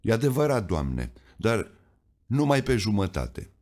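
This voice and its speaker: Man voicing a stubborn old coal miner, plainspoken, earnest and defiant, raised lively voice, storybook reading. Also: lowish voice, pitched above the performer's own voice.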